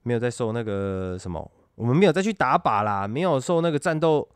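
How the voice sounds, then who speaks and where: A man with a Taiwanese accent talks casually and tells stories in an animated way. His voice is clear and smooth at an ordinary male pitch, captured dry with little room sound. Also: brisk, no room sound. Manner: animated, uses sound effects to illustrate. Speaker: guest telling his military service stories. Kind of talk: casual conversational storytelling.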